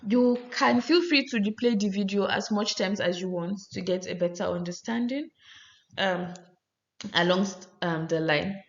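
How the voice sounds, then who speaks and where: A woman giving a fast economics lecture, often checking in with her students. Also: medium pitch. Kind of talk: recorded classroom lecture. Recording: roomy, slightly dull audio.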